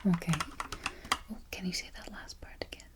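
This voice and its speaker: A woman in a whispered role-play as a friendly, patient librarian, speaking in a breathy library whisper with gentle, reassuring murmurs. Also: moderate pace. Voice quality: whispered, breathy, soft-spoken. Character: friendly, patient small-town female librarian registering a patron. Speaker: ASMR performer. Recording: noisy close recording, keyboard clicking.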